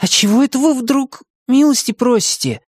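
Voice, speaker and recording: A narrator voicing a jumpy, boastful young storybook hero who speaks in an excited, demanding way. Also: high-pitched, normal speed, no echo, clean studio sound, voice pushed up, close to an everyday voice. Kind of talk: audiobook character voice.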